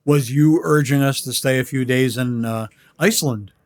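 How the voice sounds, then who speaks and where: An older man, a podcast guest, chatting casually and telling relaxed travel stories with dry humor. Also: mid-range voice, moderate pace.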